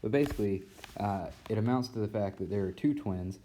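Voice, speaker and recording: A man with a deep, dark, mellow voice talks through a casual recorded mini-lesson. He teaches physics and rambles easily, filling pauses with "uh" and "like." It sounds like it was recorded on a tablet's built-in mic. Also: a little hiss or hum. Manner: relaxed, rambling, many fillers.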